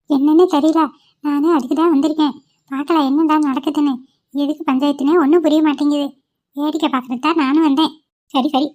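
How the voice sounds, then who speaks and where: A woman voicing several village women in a cartoon, with quick, chatty banter. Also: high voice, a little mellow. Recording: dull lo-fi audio.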